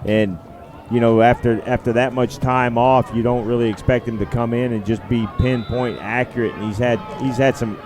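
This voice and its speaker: Relaxed guy doing color commentary at a football game, explains stuff easy and folksy. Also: mid-range voice, moderate pace. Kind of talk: live football analysis.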